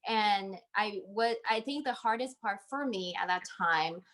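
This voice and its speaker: A woman in her thirties from Taiwan, an MBA graduate, appears as an interview guest over a video call and offers conversational advice through the call's microphone. Her medium-pitched voice is animated, unhurried and a bit bright.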